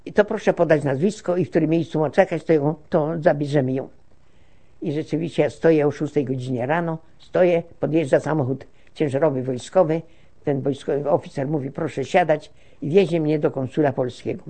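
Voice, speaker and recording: An older woman giving oral history testimony, telling her story in a lively way, acting out the dialogue and often stopping to correct herself. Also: sits low. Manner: lively storyteller who acts out quoted dialogue; halting, with frequent self-corrections. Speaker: interviewee recounting deportation.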